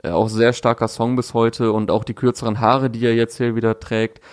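In a dry, studio-quality recording, a young man with a mid-range, level voice speaks at normal speed. As a podcast co-host discussing music, he chats casually about a release, thoughtfully, with many fillers and restarts.

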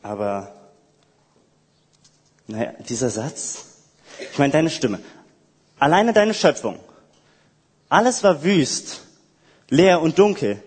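A man delivers a reflective, prayer-like monologue addressed to God, slow and halting with hesitant restarts. His voice is breathy and moves a lot in pitch, rising and falling. The recording carries a long reverberant hall echo. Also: very animated, a little mellow.

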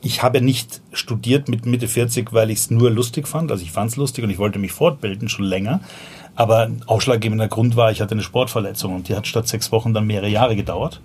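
A man in his forties with a Viennese accent, appearing as a podcast guest and startup founder, tells a story casually in loose, slangy talk packed with fillers and restarts. His voice is fairly low, a little mellow and slightly rough, and he speaks a bit fast.

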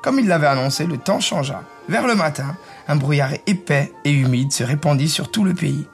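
Man, fairy-tale narrator, fairly high voice, calm and descriptive, faint music behind. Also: moderate pace. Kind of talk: reading a fairy tale aloud.

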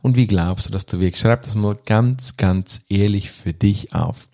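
A man's voice: fairly low pitch, measured pace, gravelly, dark tone. A man hosting a coaching podcast, talking straight to the listener in an earnest, emphatic way. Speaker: podcast host and lecturer.

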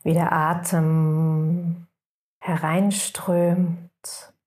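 Slow, soothing woman guiding meditation. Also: fairly low pitch, flat delivery. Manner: slow, soothing, drifting into soft whispers. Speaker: meditation guide. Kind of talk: guided meditation.

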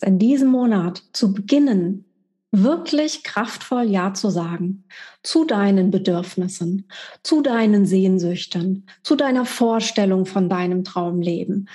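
A woman's voice: medium pitch, lively intonation, measured pace, dark tone. A middle-aged woman giving a monthly spiritual energy forecast, speaking directly and emphatically to the listener as a coach.

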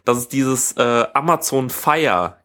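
A man's voice: mid-range voice, animated, bright, forceful tone. A man co-hosting a casual tech podcast in a living room, rambling and often correcting himself mid-sentence. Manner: rambling, halting, self-correcting. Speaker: podcast co-host.

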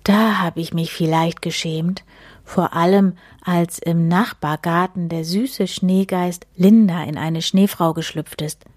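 A friendly snow spirit living in a snowman, as a woman reading a storybook voices him. He speaks softly, with a breathy, husky and unhurried delivery and a mysterious edge. The sound is close and dry. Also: fairly low pitch, steady tone, no room sound. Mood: amused. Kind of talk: storybook read-aloud.

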